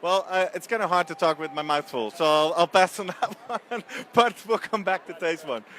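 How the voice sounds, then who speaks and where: Male roving reporter, chatty, a bit higher pitched, faint show-floor hum behind. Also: normal speed, a bit bright. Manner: chatty, upbeat, stumbles and restarts. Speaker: event reporter. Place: busy trade show floor.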